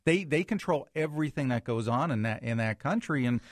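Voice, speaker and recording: A man's voice: mid-range voice, animated, brisk, no echo, studio quality. An older man co-hosting a radio talk show, rambling and repeating words as he starts. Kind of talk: casual radio chat.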